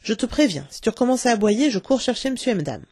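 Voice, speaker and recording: A woman's voice: fairly high pitch, big pitch swings, fast, mellow, dry recording, studio quality. A woman doing a stern, scolding maid. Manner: scolding, threatening. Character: stern grumpy adult woman servant.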